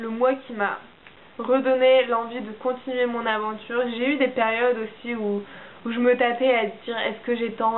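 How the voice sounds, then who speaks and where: A young French woman, an au pair, chatting casually in a vlog update, hesitant with many fillers and restarts. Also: fairly high pitch. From France. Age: young adult. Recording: tinny phone-like audio with faint hiss.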